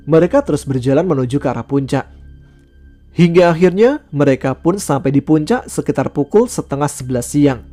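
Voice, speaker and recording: A man reading a mountain ghost story aloud in a steady, even manner. His voice is mellow and dark, and faint music plays beneath the narration. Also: mid-range voice.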